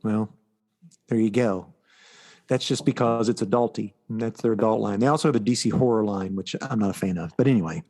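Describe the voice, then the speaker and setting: A man co-hosting a podcast goes over comic books in a casual chat, his lowish, slightly mellow voice moving a little fast. He keeps the recap informal and explanatory.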